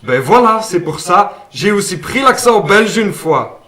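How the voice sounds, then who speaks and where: A man's voice: high-pitched, sing-song, unhurried, sharp tone, heavily acted. A man voicing a friendly male guardian angel with a Brussels accent, homely and fond of saying "une fois" and "hein". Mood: kindly. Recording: roomy sound, mic at a distance.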